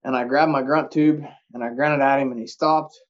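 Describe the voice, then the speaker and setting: Dull lo-fi recording, man, thirties, mid-pitched voice, folksy, rambling, casual hunter's storytelling. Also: fairly even intonation, normal speed. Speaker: deer hunter. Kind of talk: casual storytelling about hunting. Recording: dull lo-fi audio.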